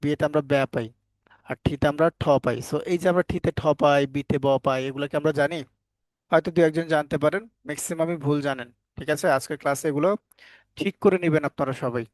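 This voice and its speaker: A man's voice: on the high side, fast, dry recording. A man teaching a live online English phonics class, asking the students questions over and over and scolding them firmly at times.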